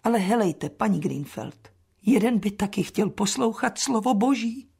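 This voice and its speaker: An actress playing a put-upon old spinster housekeeper who grumbles dryly in a chatty radio play. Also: female voice, medium pitch, animated, vocal fry, slightly rough, full character voice. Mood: rueful. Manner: dry, chatty complaining with soft asides.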